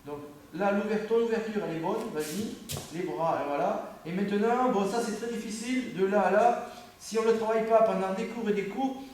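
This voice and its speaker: This man is a judo instructor, and he speaks with a French accent while coaching a student on the dojo mat. He corrects, repeats himself and stops mid-phrase in a voice that sits high, moves a little fast and sounds a little mellow, against slight background noise. The indoor room is very echoey, and a camera records him from across it.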